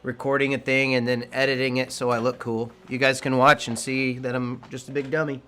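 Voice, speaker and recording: A man's voice: mid-range voice, level tone, fairly quick, bright, forceful tone. A man from Oklahoma with an Okie accent, chatting casually and jokingly as a self-deprecating live stream host. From Oklahoma, United States. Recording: faint hiss behind the voice.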